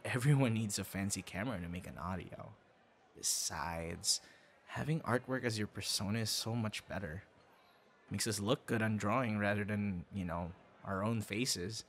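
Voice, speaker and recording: In this boyfriend ASMR roleplay, a male performer voices a shy young man with a secret hobby, speaking in a low-leaning, halting, flustered conversational way. The mood is bashful and sincere, with clear ambient background noise.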